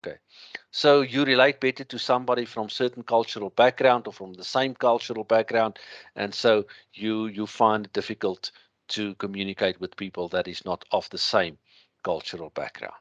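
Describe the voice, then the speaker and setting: A man with a thick Afrikaans accent lecturing through slides, explaining in a halting way with everyday examples. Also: lowish voice, steady tone, a bit bright, no room sound, lo-fi sound.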